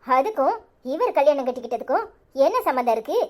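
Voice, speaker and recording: A woman's voice: high voice, big pitch swings. A woman voicing a bitter, stubborn young married daughter in a cartoon serial, speaking with a Tirunelveli Tamil accent and firing accusing questions. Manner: accusing, insistent, rapid-fire questions.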